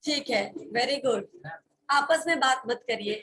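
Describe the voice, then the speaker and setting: A woman's voice: high voice, slow pace, bright, forceful tone, rough recording. A woman teaching vocabulary to a class of students. She spells words out letter by letter and keeps checking that the class is following. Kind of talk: classroom lesson.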